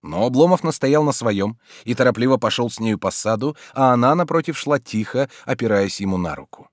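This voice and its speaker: A man narrates an audiobook in an even, measured storytelling style. His voice is mid-range, and the studio recording is clean with no echo.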